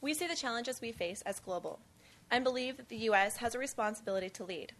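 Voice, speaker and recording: A young woman in her twenties giving formal, measured prepared remarks as she introduces a panel at a conference. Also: a little high, animated, a bit bright. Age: 20s. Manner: measured, reads from a script. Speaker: event speaker introducing a panel. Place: conference event on stage.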